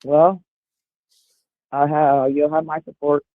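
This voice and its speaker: Slow and level, a low female voice comes through earbuds on a tinny call line, free of echo. She's in her forties, a livestream guest in casual chat who rambles and leans heavily on fillers.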